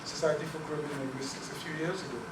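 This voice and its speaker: Racing along in a steady, slightly high voice, a Guyanese man gives a scholarly talk on Caribbean languages and responds to questions. His earnest style includes frequent word repetition while he reasons. The recording is noisy, echoey and distant-miked.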